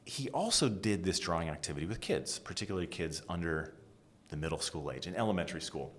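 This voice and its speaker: Deep-voiced American man telling stories. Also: quick pace. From New England, US. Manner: animated storyteller, drops to whispers for emphasis. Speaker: guest, design executive. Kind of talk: conversational interview.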